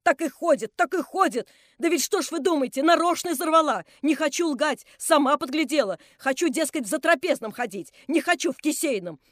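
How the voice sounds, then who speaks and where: A woman's voice: high-pitched, expressive, brisk, dry recording, clean studio sound, pitched above the performer's own voice. A woman reading an audiobook, voicing a drunk, vicious older landlady who rants, scolds and wails in self-pity. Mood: bitter ranting.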